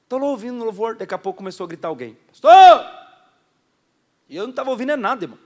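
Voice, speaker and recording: A man preaching a sermon to a church congregation, swinging between loud emphatic bursts and quiet, close asides. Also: sits high, very animated, racing. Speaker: pastor. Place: church hall before a congregation.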